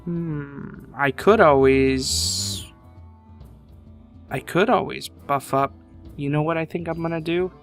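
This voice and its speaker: With a voice on the high side, a man casually talks through his card game match, thinking aloud without hurrying. A sinus infection leaves him a little congested, and faint music can be heard behind him.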